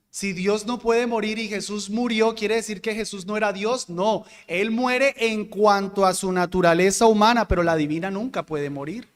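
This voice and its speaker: High-voiced man teaching Bible class. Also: smooth, long reverb tail. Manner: explanatory, asks the class questions and answers them.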